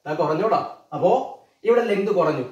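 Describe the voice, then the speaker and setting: High-voiced Malayali physics teacher. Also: male voice, expressive, darkish tone, dull audio. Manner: keeps asking students questions, calls them children; repeats key terms slowly. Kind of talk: classroom lecture. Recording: echoey room, mic a bit distant.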